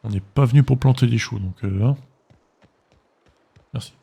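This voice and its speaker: A gaming streamer with a French accent offers casual let's-play commentary over game music, often talking back to the game in mock exasperation. His mid-range voice is warm and creaky with a breathy edge, delivered at normal speed.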